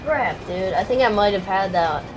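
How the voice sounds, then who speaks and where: A woman's voice: medium pitch, expressive, normal speed. A woman streaming a racing game, chatting casually and muttering to herself as she drives and talks to chat. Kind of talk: casual livestream commentary while racing. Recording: loud background music over voice. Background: background music.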